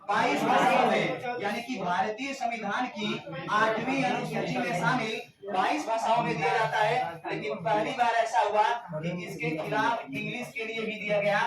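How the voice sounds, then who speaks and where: A man's voice: sits high, steady tone, normal speed. A male coaching teacher lecturing a classroom, repeating each question and answer and drilling the students. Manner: keeps telling the class to stay quiet. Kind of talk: classroom lecture with call-and-response quizzing. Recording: echoey classroom, mic far off, chatter.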